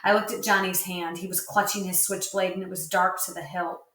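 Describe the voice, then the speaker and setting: A woman reading a novel aloud, telling the story in first person with steady narration. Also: lowish voice, brisk. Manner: steady storytelling narration with lightly voiced dialogue. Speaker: reader. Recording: roomy, distant mic.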